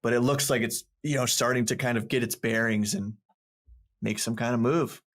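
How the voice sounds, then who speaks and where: A man's voice: mid-range voice, fairly even intonation, normal speed. A man narrating a tabletop game as game master, describing scenes in a rambling way full of fillers and laughs. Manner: laughs often between descriptions.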